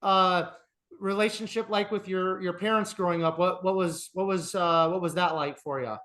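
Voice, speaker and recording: A man's voice: high-pitched, steady tone, moderate pace, a bit bright. A man hosting a podcast interview, asking questions in a friendly way with many "uh"s and repeated words. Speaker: podcast host.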